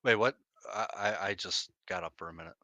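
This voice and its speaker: A young man in a casual voice chat while gaming, swearing freely and talking in an animated, mocking way. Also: sits low, fairly quick, no echo. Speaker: gamer chatting with a friend.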